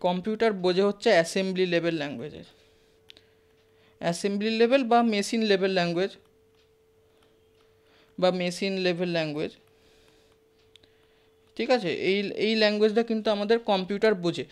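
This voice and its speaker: A teacher delivers a live class lecture in a conversational way, frequently checking in with listeners, posing questions to the class and sprinkling in English terms. The voice is medium-pitched, brisk and smooth, with long pauses.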